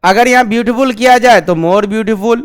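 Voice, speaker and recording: A man teaches a grammar class, often putting questions to his students and repeating the key terms. His voice sits high and sounds smooth and resonant. He drills the terms slowly, again and again.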